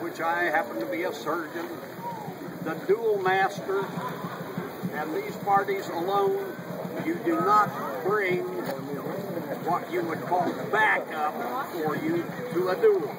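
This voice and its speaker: A man narrating a historical reenactment in a formal, deliberate manner with old-fashioned phrasing, explaining things to an audience. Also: high-pitched, big pitch swings, distant mic. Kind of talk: explaining to an audience, in period character. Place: outdoors at a public event. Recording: noisy outdoor recording with loud ambient noise.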